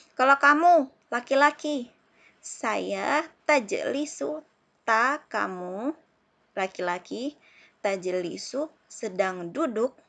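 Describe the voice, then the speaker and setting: A woman Arabic teacher with an Indonesian accent, giving a recorded lesson and slowly drilling word forms one by one. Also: a little high, creaky, fairly bright tone.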